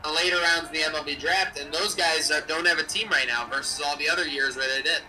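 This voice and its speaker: A man's voice: on the high side, steady tone, fast talker, pushed and bright, recorded from a distance, soft background music, poor audio. A young man co-hosting a game-sim stream, chatting casually and jokily while dropping in play-by-play calls. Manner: chatty, jokey, drops game calls between stories. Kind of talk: casual chat and play-by-play over a simulated football game.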